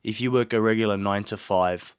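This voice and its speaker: The voice is a man's, on the low side and smooth, moving briskly with fairly even intonation and no echo. He's a podcast host recording alone in his small home studio while sick, his throat sore and nose blocked, giving a casual, earnest pep talk peppered with rambling tangents.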